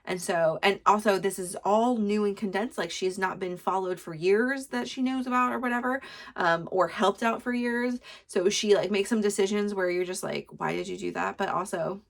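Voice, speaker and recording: A woman's voice: mid-range voice, moderate pace. A woman in her thirties hosting a podcast, chatting casually in a rambling way with plenty of fillers and small laughs. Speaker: podcast host. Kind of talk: casual solo chat.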